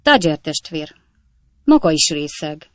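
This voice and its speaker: Slurry loud drunk preacher guy, spoiling for a fight, as a lady reader does him. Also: low voice, sing-song, dry recording, clean studio sound. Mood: drunkenly belligerent. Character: drunk, angry male preacher.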